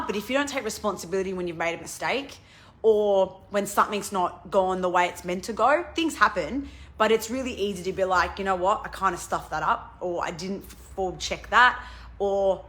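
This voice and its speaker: A woman, talking fast and excitedly as a project manager on a casual live stream, full of fillers and restarts. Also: a little high.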